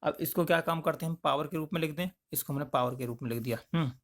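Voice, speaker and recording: A man with a slightly high voice teaching maths as a voice-over. He goes step by step, talking through each part and often stopping to check in with "okay". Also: racing. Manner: explains in plain spoken steps, with frequent checks like "okay". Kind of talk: step-by-step lesson explanation.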